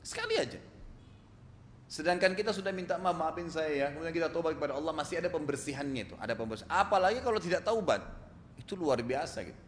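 A man's voice: fairly high pitch, lively intonation, fast talker. A man preaching a sermon, telling a story and posing rhetorical questions. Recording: echoey hall, faint noise.

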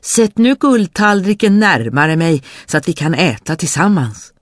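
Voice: mid-range voice, very animated, no echo, studio quality, pitched above the performer's own voice, lightly acted. A reader voicing an insistent male frog who calls out shrilly in a fairy tale reading. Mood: demanding. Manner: calls out shrilly, croaks kvack. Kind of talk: storybook reading.

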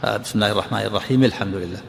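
A man's voice: fairly low pitch, rapid-fire, gravelly. An older man, a sheikh giving lesson commentary who interrupts the reader with questions and corrections. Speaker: sheikh explaining a text. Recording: reverberant hall with faint noise.

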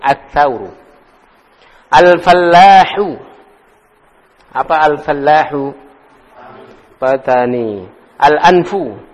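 Man, classroom teacher, slightly high voice, slow drilled pronunciation, echoey hall. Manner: drills pronunciation slowly, corrects and teases students. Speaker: Arabic teacher. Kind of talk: classroom lesson, quizzing students. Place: lecture hall with students.

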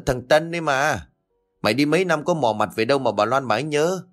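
A man voicing a friendly middle-aged male neighbor, talking quick and hearty. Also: medium pitch, soft background music, pitched above the performer's own voice, lightly acted.

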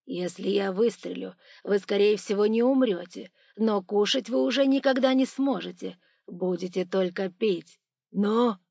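Audiobook villain: a woman voicing a threatening male robber, loud, dry lo-fi sound. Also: medium pitch, measured pace, vocal fry, no room sound. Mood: menacing. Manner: shouting, threatening. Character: stern masked male robber, menacing.

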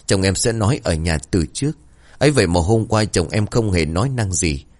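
A man voicing a distraught village wife who pleads with her neighbours in a wailing manner. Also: deep voice.

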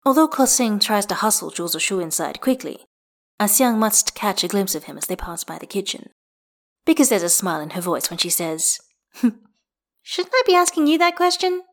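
A woman with a voice of ordinary pitch reads a story aloud in an audiobook style. Her storytelling is expressive and measured, and she lets dramatic pauses hang between phrases. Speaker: fanfiction reader. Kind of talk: audiobook narration.

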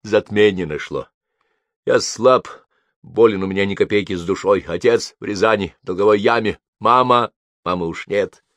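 A man's voice: lowish voice, moderate pace, no room sound, natural voice. A male audiobook reader voicing a shamed young merchant's son in his twenties who pleads in a broken, tearful way. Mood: pleading. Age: 20s. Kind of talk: audiobook character voice.

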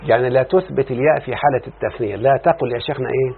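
A man with an Egyptian Arabic accent teaching grammar as an Islamic scholar. He reads quoted lines slowly and keeps quizzing his students with short repeated questions. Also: medium pitch, gravelly. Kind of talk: classroom lecture. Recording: lo-fi phone-like recording with faint hiss.

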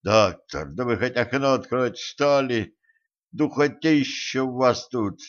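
A man voicing a panicky, indignant man who shouts and whines in disbelief, in a dull lo-fi recording. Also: medium pitch, a little slow, close to an everyday voice. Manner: shouting, whining, outraged.

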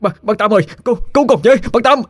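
A man's voice: very high voice, racing, dry recording, studio quality, pitched above the performer's own voice. A man voicing a frightened young man who pleads in a panicked, strained way. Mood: terrified.

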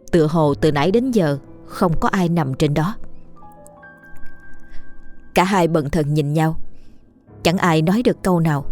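A woman narrating a ghost story in a measured, suspenseful read. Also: low voice, a little mellow.

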